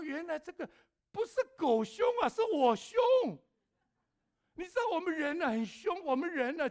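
A middle-aged male pastor preaching a sermon, telling personal stories with animation, acting out his own shouts and asking the congregation questions. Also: sits high.

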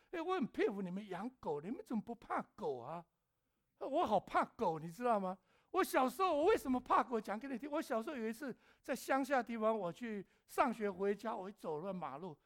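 A middle-aged male pastor with a high, bright voice that rises and falls in a very lively way. He preaches by telling animated personal stories, acting out his own shouts and turning to ask the congregation questions.

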